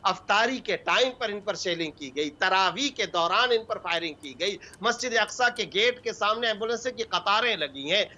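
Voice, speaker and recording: A man's voice: sits high, expressive, moderate pace, hardly any pauses, bright, forceful tone, highs cut off. A man from Pakistan, a mufti appearing as a guest on a TV talk show, delivering fervent religious commentary in short, emphatic bursts.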